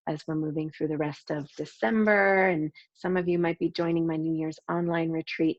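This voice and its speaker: A middle-aged woman, an energy healing teacher, talking gently and hesitantly with many ums and restarts before a meditation. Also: lowish voice, dry recording. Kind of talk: casual spoken introduction to a meditation. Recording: slightly dull, dry sound.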